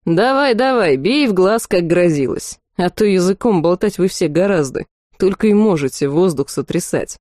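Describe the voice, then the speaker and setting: A woman's voice: lowish voice, lively intonation, normal speed, darkish tone, no echo, clean studio sound, lightly acted. A woman voicing a curt, threatening young male battle mage in a storybook reading. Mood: taunting. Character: young dark-haired male battle mage, cold and menacing.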